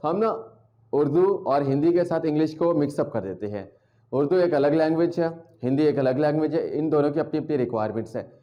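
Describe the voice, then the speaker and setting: A man teaching an English language lesson, drilling words and sounds slowly and repeating each one. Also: fairly high pitch, highs cut off.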